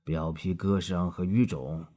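A man's voice: sits low, steady tone, unhurried, warm tone. A man doing an icy, contemptuous doctor. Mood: cold. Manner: curt, clipped and icy. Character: cold, contemptuous middle-aged male doctor.

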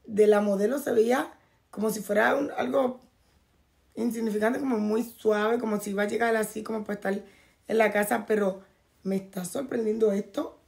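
Female vlogger, losing her voice, gravelly and fry-heavy, mid pitch, chatty clothing-haul delivery aimed straight at the viewers. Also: a little mellow. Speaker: fashion vlogger. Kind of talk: casual clothing haul unboxing. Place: at home, in a bathrobe.

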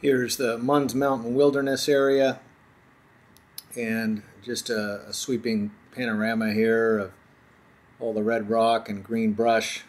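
A man narrating his own road trip as a travel voice-over, in a relaxed, chatty tour-guide manner. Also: mid-range voice, slow.

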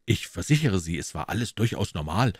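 A man reading a calm reassuring doctor. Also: sits low, a little fast, slightly rough, no room sound, studio quality, full character voice. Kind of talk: audiobook character voice.

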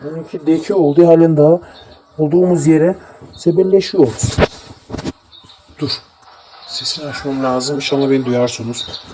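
A man's voice: a little high, normal speed, pauses often, dark tone, slight background noise, rough recording. A man commentating his gameplay casually, grumbling and muttering to himself and his viewers. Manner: grumbling, talks to the game and viewers, mutters oaths. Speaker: gameplay streamer. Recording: game music playing behind.

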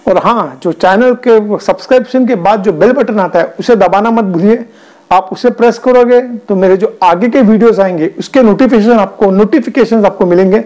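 Wearing a lapel mic, a man vlogs about his travels in casual, chatty narration, slipping English words into his explanations. He sits high in pitch with a dark tone, at a moderate pace.

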